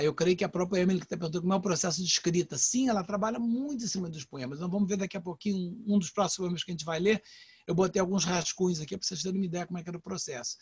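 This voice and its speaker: Older brazilian guy giving a chatty lecture over a video call, kinda high voice, husky, very dry close sound, keeps saying né. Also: no echo. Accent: Brazilian Portuguese. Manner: conversational, frequent "né?" tags and restarts. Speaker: poet and translator giving an online lecture. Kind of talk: informal literary lecture.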